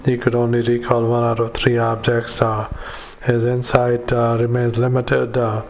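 A man with a mid-pitched, very flat voice dictates clinical notes. He speaks as a doctor would into a recorder, haltingly and matter-of-factly, with many hesitant pauses between short phrases. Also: slight background noise. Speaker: doctor dictating a psychiatric evaluation. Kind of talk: medical dictation with spoken formatting cues.

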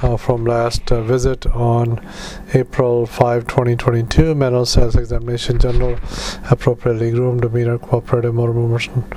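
A man speaking as a doctor doing medical dictation, in halting, clipped phrases with spoken punctuation. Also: mid-range voice, monotone, dark tone, a little hiss or hum, poor audio. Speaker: doctor dictating clinical notes.

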